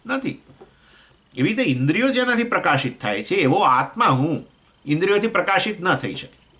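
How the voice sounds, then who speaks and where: A man with a Gujarati accent teaching a scripture class, explaining with questions to his listeners and swinging between raised points and low asides. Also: sing-song, brisk, sharp tone. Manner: explains with questions to listeners, acts out voices of elements. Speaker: swami teaching Vedanta.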